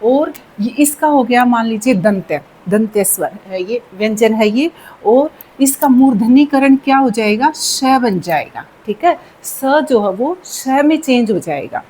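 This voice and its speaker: A woman explains grammar rules at a very slow, deliberate pace, in a fairly high voice. She repeats each key word and keeps checking that the listener follows. A faint hiss of background noise sits under her voice. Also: lively intonation, warm tone, low-quality recording. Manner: patient, repeats key words and checks in with "theek hai". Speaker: Hindi grammar teacher.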